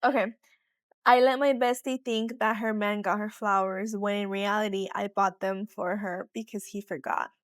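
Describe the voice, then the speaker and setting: A woman's voice: mid-range voice, steady tone, moderate pace, no room sound, clean studio sound. A young woman co-hosting a podcast in casual chat, reacting to stories and mixing in Spanish words. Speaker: podcast co-host.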